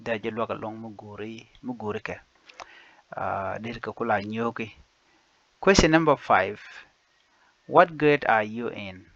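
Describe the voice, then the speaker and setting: A man teaching basic phrases, saying each one slowly and repeating it in two languages. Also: lowish voice, gravelly, a bit bright, a little hiss or hum. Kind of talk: slow phrase-by-phrase language lesson. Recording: dull lo-fi dry recording.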